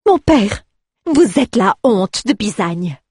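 A woman's voice: sits high, sing-song, unhurried, darkish tone, no echo, studio quality, pitched above the performer's own voice. A woman voicing an exasperated young noblewoman who scolds her father indignantly, in a storybook reading. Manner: indignant, rising.

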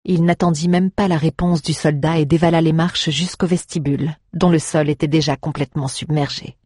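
A narrator reading an adventure story aloud in a steady, dramatic way. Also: medium pitch, a little fast, dry recording, clean studio sound. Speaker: audiobook narrator.

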